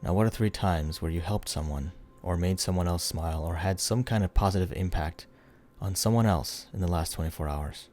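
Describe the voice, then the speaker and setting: With background music behind him, a deep-voiced, mellow man narrates a guided meditation. His delivery is calm and slow, giving instructions broken up by pauses.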